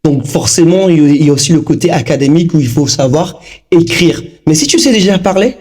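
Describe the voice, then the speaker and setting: Animated man with a mellow voice. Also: on the high side, quick pace. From Togo. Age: 30s. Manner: animated, lively storytelling with frequent fillers. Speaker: guest. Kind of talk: casual interview talk.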